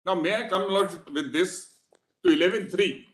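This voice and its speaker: A man's voice: sits high, moderate pace. Indian man pleading formally in court. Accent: Indian English. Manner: formal and deferential, repeating "my lord". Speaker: advocate arguing in court. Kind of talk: courtroom legal argument. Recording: echoey courtroom audio.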